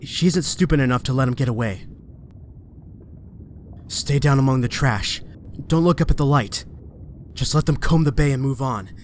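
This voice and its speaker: A man's voice: mid-range voice, a little hiss or hum, lightly acted. A man playing a young male superhero in a comic dub, earnest, wry and anxious but determined.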